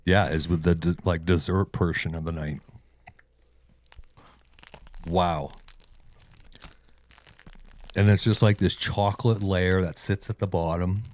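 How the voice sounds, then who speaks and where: A man co-hosting a fly tying show, chatting in a relaxed way while eating. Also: sits low, slow pace, long pauses. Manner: relaxed, chatty, whispers for crunching sounds. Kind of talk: casual chat while eating.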